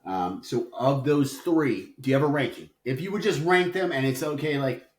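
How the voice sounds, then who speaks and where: A man's voice: mid-range voice, moderate pace. A man co-hosting a podcast in a casual chat, rambling and playfully dramatic, with lots of filler words. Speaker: podcast co-host. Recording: roomy echo.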